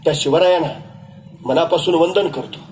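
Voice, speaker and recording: A man's voice: a little high, moderate pace, heavy background noise. A man giving a dramatic, rousing storytelling speech as a motivational speaker.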